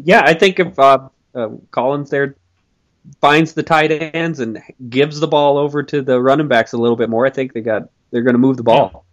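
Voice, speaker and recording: A man's voice: mid-range voice, steady tone, moderate pace. A man chatting casually as a guest, hesitant and full of filler words. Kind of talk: casual chat.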